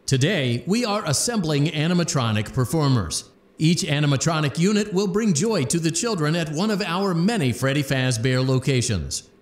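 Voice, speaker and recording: A man voicing the calm, deadpan instructional announcer of an automated factory in a game. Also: fairly high pitch, moderate pace, reverberant, close to an everyday voice. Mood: instructive. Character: corporate training voice of an automated factory.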